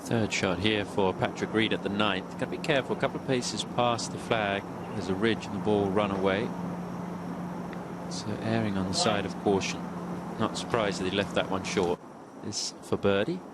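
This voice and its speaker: Low-pitched man analysing golf shots. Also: fairly even intonation, moderate pace. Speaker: on-course golf commentator. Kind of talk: live shot-by-shot golf analysis. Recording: noisy outdoor broadcast sound.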